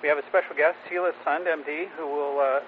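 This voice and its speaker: A man's voice: a little high, fairly even intonation, fast. A man running a ham radio net as its control operator. He reads a set welcome with some fillers and restarts, heard over a radio transmission with static. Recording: tinny radio audio with static.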